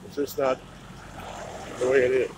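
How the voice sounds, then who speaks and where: On a walking tour by a town road, an American man from Idaho narrates casually into his handheld phone. He speaks at normal speed with a medium pitch and flat delivery, against clear traffic noise, passing vehicles and general street ambience outdoors.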